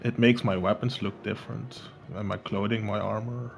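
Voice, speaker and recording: A man's voice: on the low side, steady tone, gravelly, noisy background. Hesitant man playing a tabletop game. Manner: hesitant, halting. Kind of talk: casual game chat.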